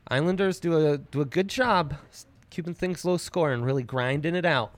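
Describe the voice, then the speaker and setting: A man's voice: a little high, moderate pace. A man co-hosting a sports betting show with casual, playful, jokey banter.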